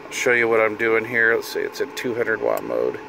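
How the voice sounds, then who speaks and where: Sitting in a parked vehicle, a middle-aged hobbyist video host gives a casual hands-on demonstration, half talking to himself. His fairly low voice is gravelly, brisk and sing-song, and car and fan noise are noticeable.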